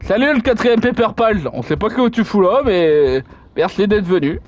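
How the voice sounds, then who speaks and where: A man's voice: high-pitched, animated, moderate pace, darkish tone. A man playing through a horror game, reading its dialogue aloud and chatting casually with hesitant, filler-heavy asides. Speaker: let's play gamer.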